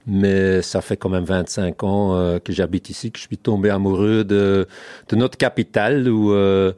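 A man's voice: low-pitched, fairly even intonation, moderate pace, warm tone, clean tone, dry recording. A man with a Flemish accent, a native Dutch speaker, talking as a guest in a radio interview, hesitant with many fillers. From Flanders, Belgium. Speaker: guest, soup company founder.

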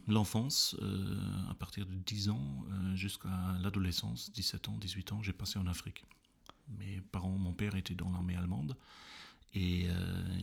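Gravelly low-voiced man. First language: German. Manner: hesitant, many fillers and restarts while recounting. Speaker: guest. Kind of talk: interview conversation.

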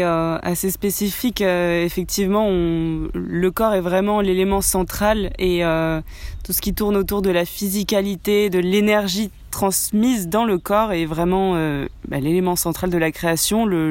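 A woman's voice: lowish voice, a little mellow, no echo. A young adult woman, a contemporary dancer, answering radio interview questions with many hesitations and restarts.

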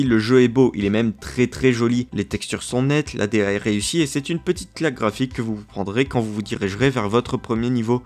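A man narrating a scripted video game review in a conversational, opinionated way, dropping in casual fillers. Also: mid-range voice.

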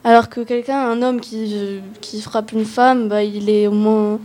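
Mellow, flat-toned woman guest. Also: a little high, unhurried. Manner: earnest, with restarts and fillers. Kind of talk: radio discussion.

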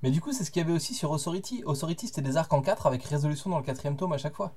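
A man co-hosting a podcast, explaining his view in measured casual chat with hesitant fillers. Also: a little high, expressive, a little mellow, slightly rough. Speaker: podcast co-host.

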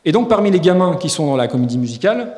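A man's voice: a little high, sing-song, fast, a little mellow. Male podcast co-host, live-stage banter, joking and rambling, reverberant hall. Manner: joking, rambling with many fillers and restarts. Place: live festival stage before an audience. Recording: echoey hall with long reverb.

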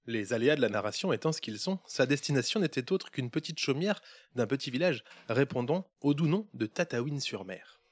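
A man's voice: mid-range voice, animated, brisk, dry recording. A man hosting a podcast who narrates a Christmas storybook tale in a playful way, with running gags. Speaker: podcast host.

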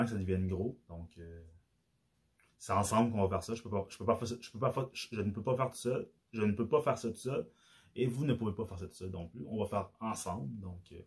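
A man's voice: low voice, husky. A man with a Québécois accent, hosting his own podcast in a casual, hesitant monologue full of restarts and fillers. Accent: Québécois French. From Quebec. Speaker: podcast host.

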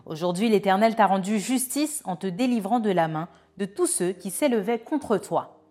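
A woman's voice: mid-range voice, expressive, normal speed, darkish tone, close to an everyday voice. A woman voicing a solemn male servant who delivers news in a formal way.

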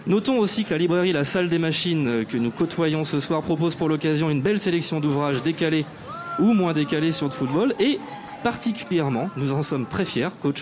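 A man with a slightly high, darkish voice and a faint hiss or hum hosts a live radio show from an outdoor stage at an arts venue, audience present. He introduces his guests formally and with playful grandeur, hesitating often.

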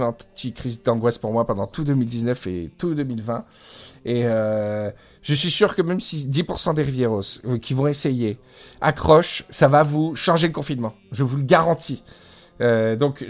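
At medium pitch and normal speed, a man co-hosts an informal podcast chat recorded on a Skype call. His tone is enthusiastic, broken up by frequent hesitations and lots of fillers.

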